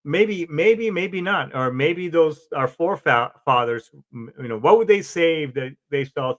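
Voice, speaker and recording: A man's voice: a little high, lively intonation, a little slow. A man from Colombia, a Marine veteran, hosting a podcast in a rambling, casual monologue with frequent restarts and swearing.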